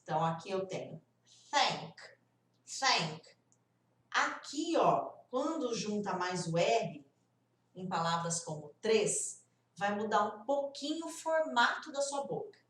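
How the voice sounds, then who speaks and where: A woman, a native Portuguese speaker, teaching English pronunciation and demonstrating each sound slowly. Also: mid-range voice, very animated, echoey room, far from the mic. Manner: demonstrative, drawn-out sound examples. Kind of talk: pronunciation lesson.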